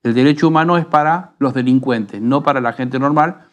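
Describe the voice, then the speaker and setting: Argentine pastor teaching in an unhurried tone. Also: male voice, medium pitch. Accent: Rioplatense Spanish. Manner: unhurried, teaching tone with frequent rhetorical tag questions. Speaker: pastor and radio program host. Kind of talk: conversational preaching.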